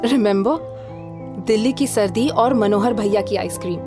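A woman's voice: medium pitch, moderate pace, natural voice. A woman playing a young divorced woman in an audio drama, teasing and mock-scolding in Hinglish. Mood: playful. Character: young divorced woman, playful and bossy with her friend. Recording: studio voice with music underneath. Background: soft background music.

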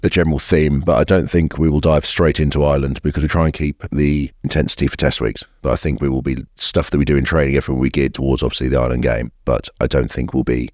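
A man's voice: extremely low pitch, level tone, fast, few pauses, darkish tone, no echo. A man co-hosting a rugby podcast in a studio, chatting in a laid-back way with dry banter. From England. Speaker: podcast co-host, rugby player. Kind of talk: casual chat.

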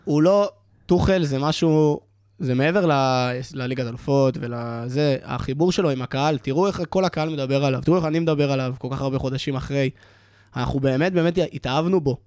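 A man's voice: mid-range voice, a little mellow, clear, resonant tone, no room sound, studio quality. A man co-hosting a football podcast, ranting in heated, exasperated casual chat. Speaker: podcast co-host, Chelsea fan.

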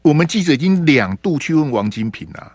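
A man's voice: on the high side, sing-song, a little fast, a little mellow, slightly rough, no room sound. A man from Taiwan hosting a political radio talk show, chatty and fond of tag particles. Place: radio studio. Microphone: studio mic.

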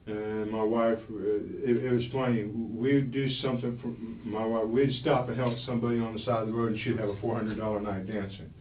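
Man, interrogation subject, halting rambler; low-ish voice, distant phone-like room audio. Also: flat delivery, reverberant, a little hiss or hum. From Florida. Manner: rambling, halting, with many restarts. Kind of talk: police interrogation.

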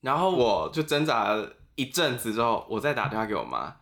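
A man's voice: mid-range voice, a little fast, creaky. A young man with a Taiwanese Mandarin accent, a podcast guest telling a personal story with frequent laughs. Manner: animated storyteller, laughs often. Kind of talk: casual chat, storytelling.

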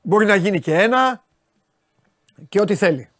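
A man's voice: sits high, expressive, fairly bright tone, no echo, studio quality. A man with a Greek accent hosting a sports talk show, casually and exasperatedly scolding his viewers with rhetorical questions. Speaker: sports commentator host.

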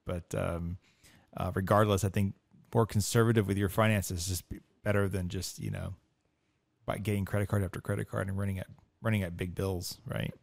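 A man's voice: deep voice, fairly even intonation, fairly quick, gravelly, no room sound. A middle-aged man with an American accent, hosting a casual podcast discussion. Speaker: podcast host, financial advisor.

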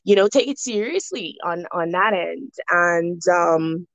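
Gravelly low-voiced woman from the Bahamas. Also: a little slow, fairly bright tone, no room sound. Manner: reflective, many fillers and restarts. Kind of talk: casual podcast interview.

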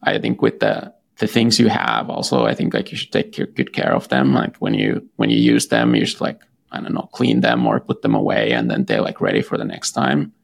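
A Finnish-born startup founder with a Finnish accent answers interview questions casually, hesitating with plenty of fillers and restarts. His rumbling low voice is creaky, with lively intonation and a fairly quick pace.

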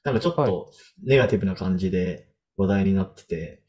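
A man with a fairly low, mellow voice hosts a podcast in a relaxed chat. He thinks aloud as he talks and leans on loose fillers. His delivery stays easygoing and conversational. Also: brisk. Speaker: podcast host.

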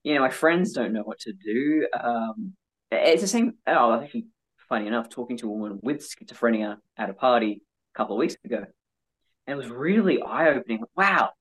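An interview guest with a male-sounding voice, telling personal stories candidly in an animated, self-mocking way. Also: medium pitch, brisk, slightly rough, rough recording. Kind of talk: candid personal storytelling in conversation.

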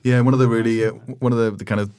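A man's voice: mid-range voice, steady tone, racing, darkish tone. A man in casual podcast chat, enthusiastic and admiring.

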